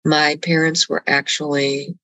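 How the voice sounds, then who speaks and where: A woman raised in Colombia, a guest in a reflective conversation, speaking earnestly and haltingly with restarts over a video call. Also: deep voice, flat delivery, bright, forceful tone, no echo, low-quality recording.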